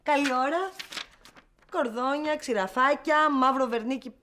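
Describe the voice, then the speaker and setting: An actress playing a scatterbrained, chatty nanny in a sitcom, talking in a theatrical, rambling way. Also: female voice, high-pitched, a bit bright, a little hiss or hum. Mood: lively. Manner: theatrical, rambling, mock-dramatic. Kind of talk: sitcom acting.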